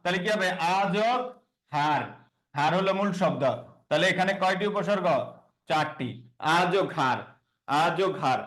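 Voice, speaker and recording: উঁচু গলার শিক্ষক. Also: male voice, high-pitched, moderate pace, long pauses, fairly bright tone, low-quality recording. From Bangladesh. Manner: repeats key words, quizzes students with questions. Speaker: teacher. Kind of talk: classroom grammar lesson.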